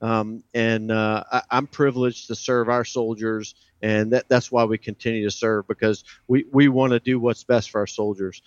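A man's voice: lowish voice, level tone, normal speed, hardly any pauses, dry recording, highs cut off. A middle-aged man from south Louisiana, a senior soldier answering interview questions in a proud, plain-spoken, gung-ho way. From south Louisiana, United States. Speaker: army command sergeant major, guest.

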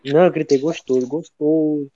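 A man's voice: a little high, fairly even intonation, moderate pace, mellow, lo-fi sound. A man in casual chat with friends who adds brief, agreeing remarks.

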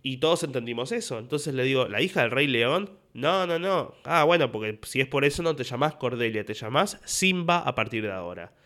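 A man's voice: mid-range voice, expressive, a little fast, hardly any pauses, a bit bright. A young man with an Argentine accent, a stand-up comedian hosting his podcast and telling stories from his shows with acted-out dialogue. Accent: Rioplatense Spanish. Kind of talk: casual podcast monologue.

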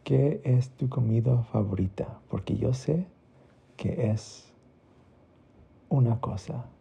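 A man's voice: medium pitch, slow, creaky, mellow, slightly rough, muffled recording, exaggerated voice. A man voicing a playful father who teases his son in a told bedtime story. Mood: teasing. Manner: mock-stern, teasing.

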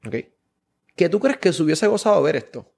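Magician, high gravelly voice, lively and playful, coaxing through a card trick. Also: male voice, fairly quick. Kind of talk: casual card trick performance.

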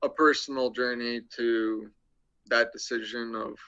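A young man talks slowly and deadpan as a podcast guest, cracking crude jokes and pausing on frequent ums. His voice has a bright, forward edge. The recording sounds a little muffled. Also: medium pitch, smooth. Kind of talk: casual interview chat.

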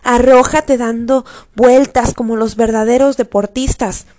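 A woman's voice: on the high side, fairly even intonation, unhurried, dark tone, natural voice. A woman voicing a jealous older boy who talks back in a defiant, whiny way. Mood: goading.

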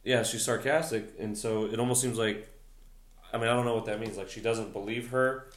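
A man's voice: fairly low pitch, steady tone, brisk. A man co-hosting a casual TV recap, easygoing and a bit hesitant as he goes through his notes. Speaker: podcast co-host. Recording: roomy echo.

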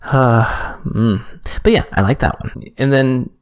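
A man co-hosting a podcast, chatting casually and rambling with many halting restarts. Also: medium pitch. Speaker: podcast co-host. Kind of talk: casual chat.

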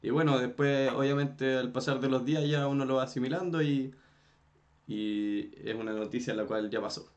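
A Chilean teenager recounts a story in a relaxed chat. He acts out each quote with a voice of middling pitch, and he laughs along the way. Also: normal speed, highs cut off. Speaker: podcast co-host.

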